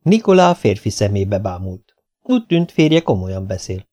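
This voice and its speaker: A man reading a novel aloud as audiobook narrator, measured and even. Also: lowish voice. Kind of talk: scripted narration.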